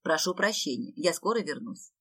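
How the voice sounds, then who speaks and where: A woman's voice: low-pitched, animated, normal speed, fairly bright tone, breathy edge, heavily acted. A woman voicing a sly, teasing young man. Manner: confiding, teasing. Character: sly charming young male student.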